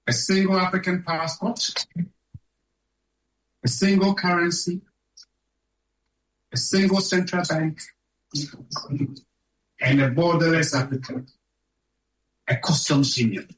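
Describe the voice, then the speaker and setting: A man's voice: fairly high pitch, fairly even intonation, slow pace, long pauses. A man giving a public speech at a conference, emphatic and fond of rhetorical questions to the audience. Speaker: conference speaker. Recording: echoey room, distant from mic.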